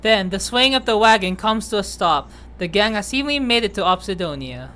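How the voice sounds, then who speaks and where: A woman narrating a visual novel aloud as the host, with a steady, matter-of-fact reading. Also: medium pitch, brisk. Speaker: game narrator.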